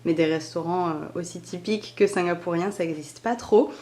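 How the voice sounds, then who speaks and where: A woman's voice: fairly low pitch, brisk, warm tone, slight background noise. A young woman narrating a casual food vlog, gushing with enthusiasm about each dish. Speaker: food vlogger.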